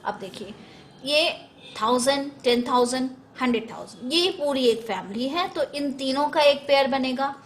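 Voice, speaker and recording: At a moderate pace and in a high voice, a woman takes her class through place values one step at a time in a Hindi maths lesson. Along the way she often corrects herself and uses English words for numbers.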